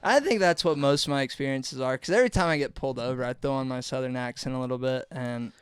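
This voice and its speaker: A man appearing as a guest on a casual podcast, talking hesitantly with halting restarts. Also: medium pitch, clear, resonant tone, no echo.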